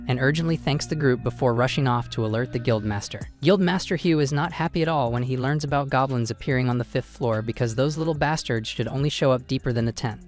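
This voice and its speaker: A man reading a scripted recap in a brisk, casual storytelling manner with slangy asides. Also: mid-range voice. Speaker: recap narrator. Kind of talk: scripted narration.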